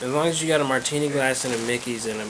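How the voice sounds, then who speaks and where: A young man in loose podcast banter who giggles through his own jokes. His voice is mid-pitched and plain. A clear patter of rain runs underneath. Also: racing. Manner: loose, giggly joke-teller. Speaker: podcast co-host. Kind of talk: casual comedy podcast chat. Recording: steady rain noise behind.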